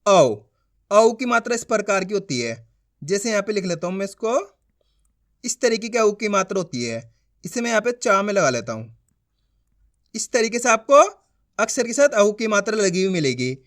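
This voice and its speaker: A woman's voice: mid-range voice, sing-song. A woman teaching beginners to read, patiently stretching out syllables and saying each sound twice, stopping often to check that the class understands. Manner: checks understanding with quick questions. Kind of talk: beginner reading lesson.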